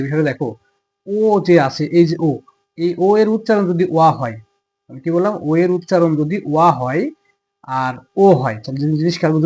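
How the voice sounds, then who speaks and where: A man teaching in a husky, somewhat high voice with a Bangladeshi accent. He talks fast and explains each step by asking a question and answering it himself, like a teacher in front of a class. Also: darkish tone. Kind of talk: classroom grammar lesson.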